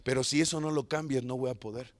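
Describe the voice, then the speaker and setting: A man pastor preaching a sermon, telling a story with humor and swinging between loud and hushed delivery. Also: medium pitch, fairly even intonation, fast.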